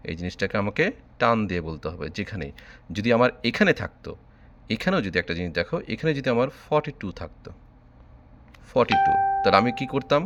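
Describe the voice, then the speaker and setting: A man's voice: on the low side, sing-song, fast, fairly bright tone, lo-fi sound, a little hiss or hum. A man from Bangladesh teaching a math lesson online, patiently spelling out number words letter by letter.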